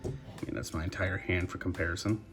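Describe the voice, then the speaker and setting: A man's voice: low voice, fast talker, over music. A young man with a congested voice, breathing through his mouth as he chats casually through a toy review. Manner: relaxed, chatty, addresses viewers as guys.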